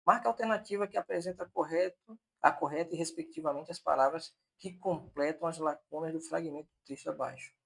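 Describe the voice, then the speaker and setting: Male grammar teacher, fairly high voice with a husky edge, patient repeat-it-back explaining. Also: a little fast, fairly bright tone. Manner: explanatory, repeats points on purpose to fix them. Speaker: Portuguese teacher. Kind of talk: online exam-prep lesson.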